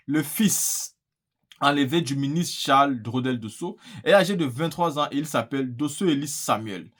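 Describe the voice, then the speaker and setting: A man's voice: fairly high pitch, a bit bright. A man hosting opinionated political commentary, indignant and full of rhetorical questions. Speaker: political commentary video host.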